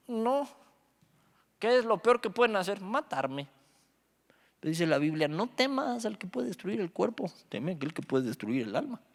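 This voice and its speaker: Young man, youth pastor sermon, lively swooping voice, fairly high pitch, reverberant hall. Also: creaky. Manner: animated storytelling, acts out dialogue, jokes with the audience. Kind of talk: youth Bible study sermon.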